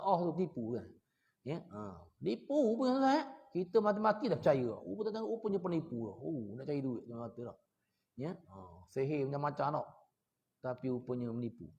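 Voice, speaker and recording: Animated preacher man. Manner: rhetorical questions to listeners, sudden loud high outbursts. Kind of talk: mosque sermon to a congregation. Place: mosque.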